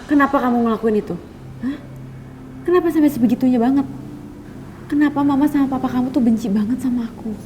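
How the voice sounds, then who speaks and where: A woman's voice: high-pitched, fast talker, pauses often, lightly acted. A woman playing Kejora, an insistent worried girlfriend. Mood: demanding. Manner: insistent, questioning, demanding. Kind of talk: TV soap drama acting.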